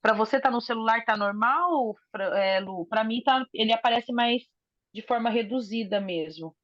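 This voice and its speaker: A woman teacher talks a class through a lesson on a video call. Her voice sits fairly high and comes through a phone mic, so it sounds dull and lo-fi with no room echo. She explains step by step and keeps checking in with "né?". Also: normal speed, a bit bright. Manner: explanatory, often adds "né?". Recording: dull lo-fi phone audio, dry.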